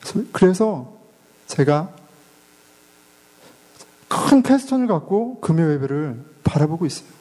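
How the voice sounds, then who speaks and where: A man's voice: a little high, very animated, a little slow, long pauses, mellow. A man in his thirties, a father and pastor, preaching a sermon in a chatty way and putting questions to the congregation. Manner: conversational, asks the congregation questions.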